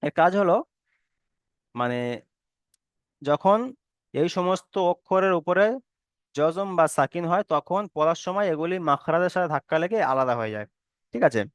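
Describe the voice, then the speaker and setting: A man's voice: a little high, lively intonation, clear, resonant tone, dry recording, highs cut off. A man teaching Quran reading in an online class, patiently repeating letters and words and checking that listeners follow. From Bengal. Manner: patient, repeats each letter and word slowly.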